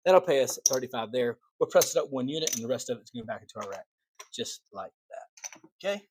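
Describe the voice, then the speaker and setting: A man hosting a casino dice tutorial, calling rolls and paying bets aloud in an excitable, chatty way, at times out of breath. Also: medium pitch, very fast, noisy background. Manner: excitable, calls rolls like a dealer, chatty asides to viewers. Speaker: craps channel host demonstrating strategy. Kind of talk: casual table-game demonstration.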